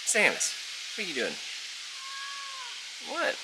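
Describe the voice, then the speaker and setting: A man on a farm chatting casually and talking baby talk to his cat in a soft, doting way. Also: a little high, wildly swooping pitch, takes it slowly, heavy background noise. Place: outdoors on a farm.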